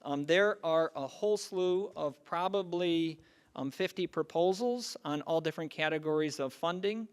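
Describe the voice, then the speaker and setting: Man delivering a hesitant board committee report, clear resonant tone, slightly raised pitch. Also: moderate pace. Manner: hesitant, frequent ums.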